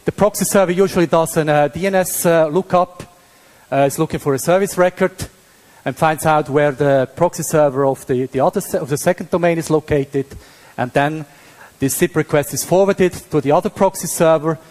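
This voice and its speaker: A man with a Swiss German accent delivers a technical lecture like a professor at a conference. His voice sits a little high for a man, and he speaks haltingly, with long hall reverb around him. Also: a little mellow. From Switzerland. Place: indoor hall at a tech conference.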